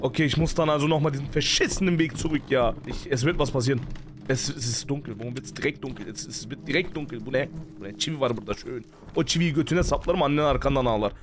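A man's voice: medium pitch, quick pace, background noise. A man giving panicky, jumpy let's play commentary on a horror game, full of sworn exclamations. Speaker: gaming streamer.

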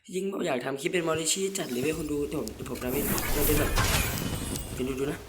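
Excitable young-sounding man narrating his gameplay. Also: a little high, fast, very noisy. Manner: excitable, swears casually, talks to viewers. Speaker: gaming channel host. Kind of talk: casual gameplay commentary. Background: game music.

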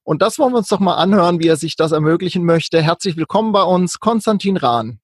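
Podcast host man, husky, slightly high voice, dry close mic. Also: animated, fast, dry recording. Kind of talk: podcast interview hosting.

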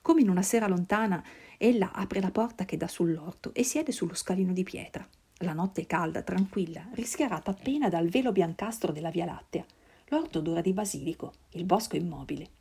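A woman reading a literary novel aloud in a measured, solemn way. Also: fairly low pitch, lively intonation, vocal fry, mellow, breathy edge. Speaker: reader.

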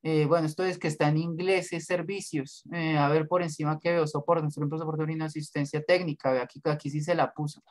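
A man's voice: a little high, little pitch movement, brisk, hardly any pauses. A man, a design teacher giving blunt, corrective feedback on a student's work in class.

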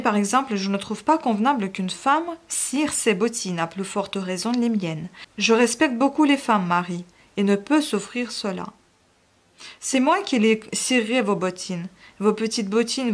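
A woman reading an audiobook aloud and voicing a fawning, obsessive aging gentleman who coaxes and pleads. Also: mid-range voice, close to an everyday voice. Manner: coaxing, insistent, rising to pleading.

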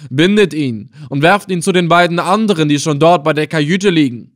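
A man voicing a cruel, scornful male slave trader in an audiobook, threatening and loud. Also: mid-range voice, animated, measured pace, close to an everyday voice. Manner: sneering, threatening. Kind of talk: audiobook character voice.

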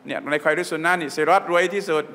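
A man's voice: fairly high pitch, racing. A man giving an Islamic sermon, telling stories and often asking his listeners questions. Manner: lively, asks the audience questions often. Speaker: religious teacher. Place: mosque training hall. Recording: long hall reverb.

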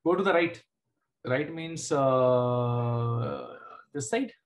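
A man's voice: mid-range voice, extremely slow. A middle-aged man with an Indian accent teaching a live online maths lesson, informally, checking understanding with short questions. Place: indoors at a desk, screen-share video class.

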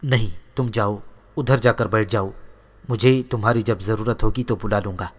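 A man's voice: on the low side, natural voice. A man doing a firm young warrior. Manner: firm, commanding. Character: brave young male warrior, calm protector.

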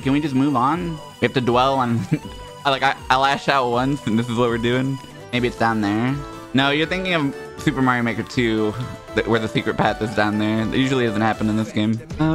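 Young male streamer, mid-pitched, wry and self-deprecating, curses freely, faint music under him. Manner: sarcastic, self-mocking, swears freely. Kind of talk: casual gameplay commentary.

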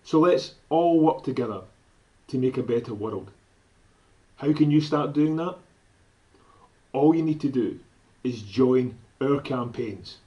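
A man from Scotland with a Scottish accent, director of an advocacy group, making an earnest, deliberate appeal to camera and quoting scripture. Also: mid-range voice, dull audio. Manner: slow, deliberate, quotes scripture.

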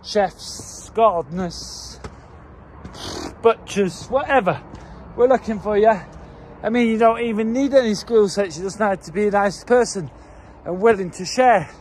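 This walk-and-talk vlog has a farm owner in his forties rambling casually, restarting sentences and using fillers as he films himself with an arm's-length phone. He moves around a mountain farm, mostly outdoors and partly in a wooden kitchen. His voice sits high with a darkish tone and a slightly slow pace, and there's slight background noise.

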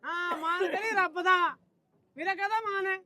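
A man with a Punjabi accent brokering a deal in loud, hearty, blunt haggling banter, pushing hard to close it. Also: very high voice, moderate pace. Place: outdoors at a livestock deal.

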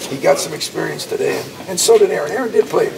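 A man's voice: on the high side, animated, quick pace, vocal fry, recorded from a distance. A man in his sixties, a college basketball coach, answering reporters in a crowded post-game press scrum outside a locker room, with an emphatic, anecdotal way of talking. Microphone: cluster of reporters' handheld mics at close range. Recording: noisy hallway, mic a step away.

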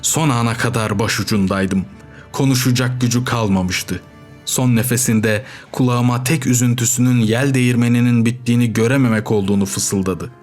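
A man voicing a sly, smooth-talking male pig who gives a sentimental, tearful speech. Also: medium pitch, moderate pace, a little mellow, faint music behind, lightly acted. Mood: mournful.

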